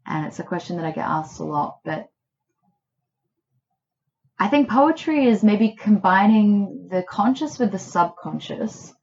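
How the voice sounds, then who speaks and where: A woman from Australia, a poet, speaking thoughtfully in a quiet bedroom and reading her poems. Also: medium pitch, animated, measured pace, creaky, highs cut off, a little hiss or hum. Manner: thoughtful, musing. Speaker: poet guest. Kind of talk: reflective conversation and poetry reading.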